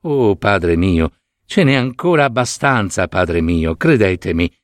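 A man voicing a humble, kind young princess in a storybook reading, speaking gently and pleadingly. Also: deep voice, sing-song, a little slow, dry recording, studio quality, pitched below the performer's own voice. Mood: gentle.

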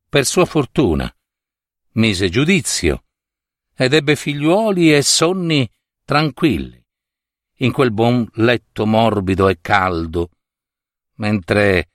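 A man reading a literary short story aloud in an expressive, dramatic narrating style on a close mic. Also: lowish voice, dry recording. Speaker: audiobook reader.

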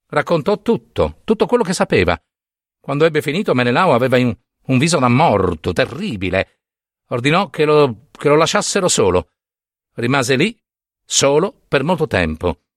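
Expressive male storyteller, lively reading. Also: medium pitch, no room sound, studio quality. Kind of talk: scripted storybook narration.

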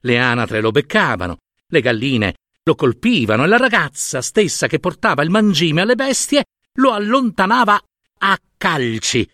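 A man reading a fairy tale aloud, in an expressive storytelling manner. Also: fairly high pitch, moderate pace, dry recording, studio quality.

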